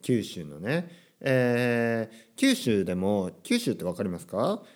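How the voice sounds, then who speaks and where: Chatty low-voiced man hosting a podcast. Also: wildly swooping pitch, takes it slowly. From Kyushu, Japan. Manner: chatty, self-deprecating, frequent filler asides and rhetorical questions. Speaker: podcast host. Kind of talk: casual solo podcast for Japanese learners.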